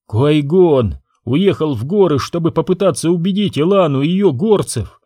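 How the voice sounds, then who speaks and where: Narrator doing a guarded young apprentice, even and measured, dry sound. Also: male voice, on the high side, dry recording, pitched above the performer's own voice. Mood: steady.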